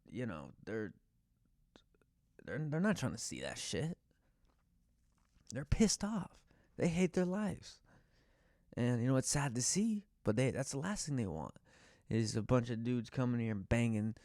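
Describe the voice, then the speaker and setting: Profane rambling guy on his podcast, dry close sound, gravelly low tone. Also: a little mellow, no echo. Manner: profane, rambling, exasperated storytelling. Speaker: podcast host. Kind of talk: casual rant.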